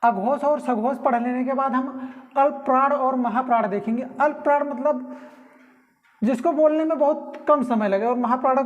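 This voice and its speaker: A woman teaching Hindi grammar, explaining consonant types and slowly sounding out syllables to demonstrate them. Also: high-pitched, highs cut off. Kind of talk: classroom-style lesson explaining consonants.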